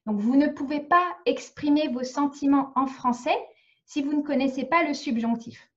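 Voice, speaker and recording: A woman's voice: high-pitched, normal speed, highs cut off. A woman from France teaching French in a live online lesson, explaining patiently and checking often that students follow. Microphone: video call.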